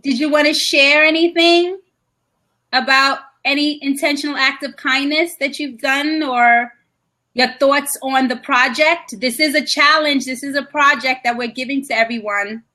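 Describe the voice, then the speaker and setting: A woman from New York co-hosting a casual live video chat, talking in quick restarts while dealing with a shaky connection. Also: high voice, fairly even intonation, pushed and bright. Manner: chatty, restarts often, coping with connection trouble. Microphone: video call.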